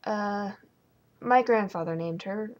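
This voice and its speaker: A woman's voice: medium pitch, takes it slowly, a little mellow, lo-fi sound. A young woman casually ranting and rambling at home for her vlog, sarcastic and full of ums. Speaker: vlogger.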